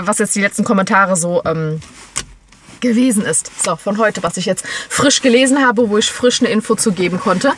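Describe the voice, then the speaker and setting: A woman's voice: mid-range voice, fairly bright tone. A young woman from Germany chatting casually to her viewers from a parked car at night, with lots of fillers and restarts. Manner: chatty, many fillers and restarts, laughs often. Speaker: vlogger. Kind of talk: casual vlog chat. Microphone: camera on dashboard. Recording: noisy car interior.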